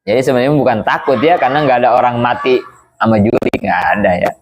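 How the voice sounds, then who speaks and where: Man, casual religious lesson, easygoing questioning style, mid-pitched voice. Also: fast talker, background noise. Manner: chatty, keeps asking rhetorical questions. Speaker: Islamic teacher.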